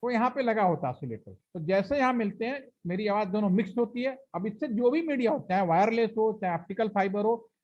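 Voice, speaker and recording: A man's voice: high-pitched, animated, a little fast, hardly any pauses, highs cut off. A man teaching a training class, explaining step by step and asking and answering his own questions, with his speech. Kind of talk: classroom lecture.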